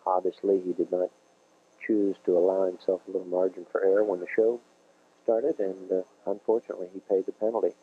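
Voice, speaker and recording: Heard through a dull, lo-fi 1980s TV broadcast, a low-pitched, husky Midwestern American man provides bowling commentary. His style is folksy, and he walks viewers through how the game works.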